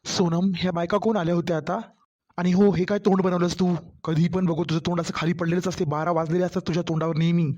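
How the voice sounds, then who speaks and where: Irritable cartoon husband with a Marathwada Marathi accent, played by a man, flat, slightly high, dull lo-fi sound. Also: fast. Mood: irritated. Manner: irritated, complaining. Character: irritable young husband back from office. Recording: dull lo-fi audio.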